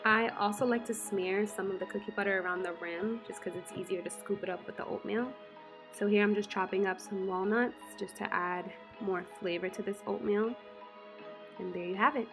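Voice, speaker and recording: A woman's voice: mid-range voice, moderate pace, over music. Chatty young woman in a home kitchen. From United States. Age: 20s. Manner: chatty, relaxed, lots of fillers. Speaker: lifestyle vlogger. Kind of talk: casual how-to vlog.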